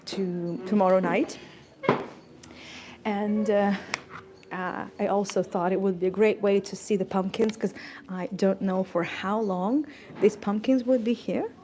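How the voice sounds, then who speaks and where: A woman's voice: mid-range voice, steady tone, unhurried, background noise. A woman guide chatting casually and thankfully on a live stream from a cozy café, laughing often and stumbling over her words. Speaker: tour guide vlogger. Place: cozy indoor garden café.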